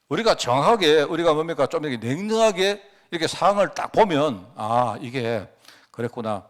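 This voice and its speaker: Animated male pastor preaching. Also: on the high side. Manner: rhetorical questions to the congregation; personal storytelling with emphatic swells and drops. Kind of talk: sermon.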